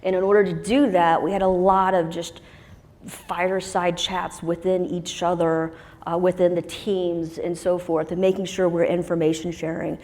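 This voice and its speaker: A woman's voice: on the low side, flat delivery, normal speed, darkish tone. A woman speaking on a conference panel in a chatty, self-deprecating way with many fillers, from Huntsville, Alabama. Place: conference stage with long hall reverb. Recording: reverberant conference hall.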